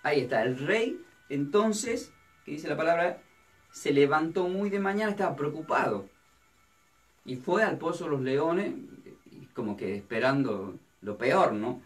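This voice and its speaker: A man's voice: on the high side, lively intonation, a little slow. A man, a pastor teaching a Bible study sermon, who asks his listeners questions and then answers them himself. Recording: distant mic with faint music.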